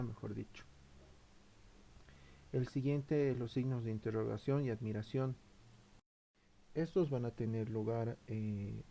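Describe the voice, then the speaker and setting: A man presents a school topic in a gravelly, mellow voice. He reads through his points haltingly, with filler sounds and frequent restarts. His delivery sounds like a student's prepared presentation. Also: mid-range voice, slight background noise. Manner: hesitant, frequent fillers and self-corrections. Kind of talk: read-aloud school presentation.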